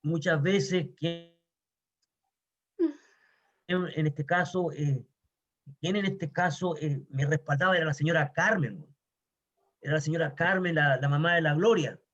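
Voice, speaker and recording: A man's voice: on the high side, a little slow, pauses often, fairly bright tone. A man with a Chilean accent telling a personal story in casual conversation, earnest and emphatic, repeating words for stress. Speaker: guest sharing personal testimony. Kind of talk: casual chat. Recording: dull lo-fi recording.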